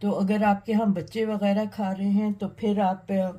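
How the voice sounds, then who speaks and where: A woman hosting a cooking demonstration, talking unhurriedly while she cooks, with many pauses and fillers. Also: medium pitch, little pitch movement, warm tone, rough recording. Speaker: cooking channel host.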